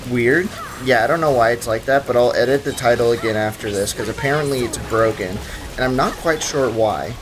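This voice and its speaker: The recording quality is low as a young man streams a game, speaking a little fast in a medium-pitched voice. He chats casually, greets his audience and talks to himself during play, and faint game music can be heard.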